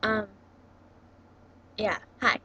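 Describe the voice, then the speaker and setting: A woman's voice: very slow, pushed and bright, slight background noise. A young woman chatting casually about books, full of ums and likes, recorded through a laptop's built-in mic at home. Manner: hesitant, many ums and likes. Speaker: book vlogger. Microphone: built-in computer webcam mic. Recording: dull lo-fi laptop webcam audio.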